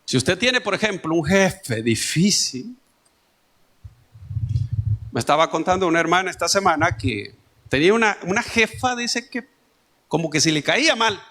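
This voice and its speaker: Lively bright-voiced Salvadoran pastor preaching. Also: male voice, high voice, normal speed, long pauses. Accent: Salvadoran Spanish. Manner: conversational preaching with homely stories and asides. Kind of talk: sermon. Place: church.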